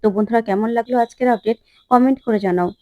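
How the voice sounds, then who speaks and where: A woman's voice: on the high side, fast talker, no room sound, phone-quality sound. A woman casually retelling a TV serial episode in plain storytelling narration. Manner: plain storytelling, linking lines with 'then'.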